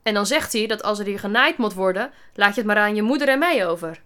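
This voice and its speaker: A woman voicing a rude, defiant schoolboy who shouts cheeky remarks. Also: mid-range voice, lively intonation, fast talker, smooth, lightly acted. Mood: defiant loud.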